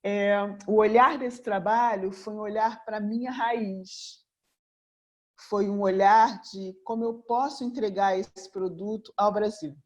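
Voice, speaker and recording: A woman's voice: mid-range voice, steady tone, takes it slowly. A Brazilian woman from Rio in her fifties, a mentor and therapist, giving an earnest motivational seminar talk and returning again and again to one rhetorical question. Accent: Brazilian Portuguese. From Rio de Janeiro, Brazil. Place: room before a live audience.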